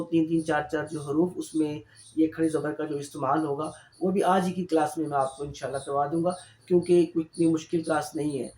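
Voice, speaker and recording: A man teaching an online Quran reading lesson, with a voice pitched a little high for a man. He explains patiently and drills each syllable slowly, over and over. The room adds a noticeable echo. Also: darkish tone. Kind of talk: online lesson, slow drilled letter sounds.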